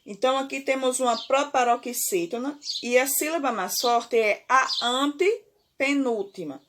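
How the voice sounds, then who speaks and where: Slow, high-voiced Brazilian woman teacher. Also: background noise. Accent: Brazilian Portuguese. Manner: slow, deliberate, stretches key words, frequent "certo?" and "ok?". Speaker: primary school teacher. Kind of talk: remote classroom lesson.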